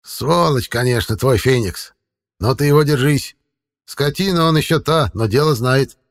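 A man voicing a small, grumpy, sly old male forest spirit with a slightly creaky, folksy voice. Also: mid-range voice, normal speed, voice pushed up, close to an everyday voice. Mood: grumbling. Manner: folksy, grumbling.

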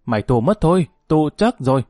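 A gruff soldier buddy scolds his friend in this audiobook scene, as a man voices him. He speaks in a rough, hectoring way. Faint music sits under a dry, close recording. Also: a little high, lively intonation, fairly quick, dry recording. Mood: scolding. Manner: scolding, shouting. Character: blustering male squadron comrade, gruff.

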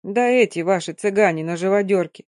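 A woman voicing an old Romani nomad woman, loud, scolding and emphatic, in an audiobook. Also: medium pitch, fairly quick, no echo, studio quality, lightly acted. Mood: fierce.

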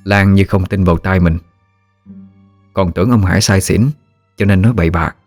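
Deep-voiced man narrating a ghost story. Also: moderate pace, faint music behind. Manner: steady storytelling.

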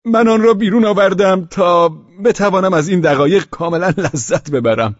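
A man's voice: no room sound, muffled recording, lightly acted. A man voicing a drunk, fawning, frightened middle-aged man who whines and pleads. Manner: shrill, whining, pleading.

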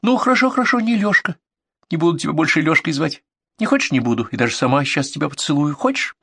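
A man's voice: on the high side, fairly quick, a bit bright, no echo, studio quality, voice pushed up. A man voicing a playful, teasing young village girl who coaxes and mocks in a sing-song way. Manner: coaxing, mocking, sing-song pleading. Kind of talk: storybook reading.

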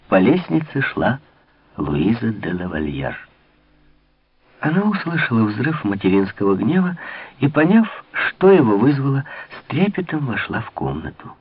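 A man narrating a classic novel in an expressive literary reading. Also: mid-range voice, a little slow, long pauses, breathy edge, no echo. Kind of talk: audiobook reading on radio. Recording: narrow phone-like old radio sound.

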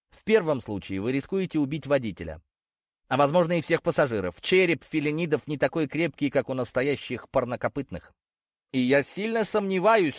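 A man's voice: mid-range voice, no room sound, studio quality. Wry male audiobook narrator. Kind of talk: first-person audiobook narration.

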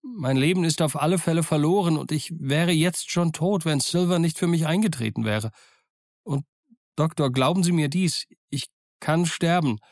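A man's voice: high-pitched, moderate pace, dry recording, clean studio sound, pitched above the performer's own voice, natural voice. A man voicing a frightened, honest teenage boy who pleads earnestly in an audiobook. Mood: pleading. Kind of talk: audiobook character voice.

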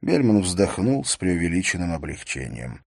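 Measured male audiobook narrator. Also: sits low, big pitch swings, gravelly, no echo, studio quality.

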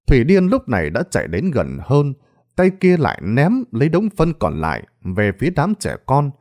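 Man narrating a ghost story expressively. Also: normal speed. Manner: expressive storytelling with lively pitch. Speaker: horror storyteller.

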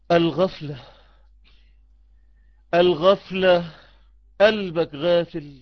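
A man preaching a sermon in an Egyptian Arabic accent, impassioned and building to emphatic repetitions. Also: sits high. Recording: dull lo-fi recording.

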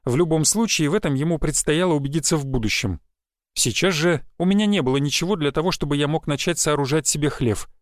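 A man narrating a first-person fantasy audiobook in an even, wry, matter-of-fact way. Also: on the high side, quick pace, no echo, studio quality.

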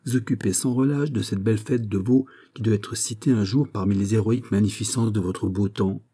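A man reading the part of a calm, cunning bishop who speaks with smooth assurance. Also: on the low side, fairly quick. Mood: assured. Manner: smooth, assured, quietly persuasive. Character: cunning calm older male bishop schemer. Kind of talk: audiobook character reading.

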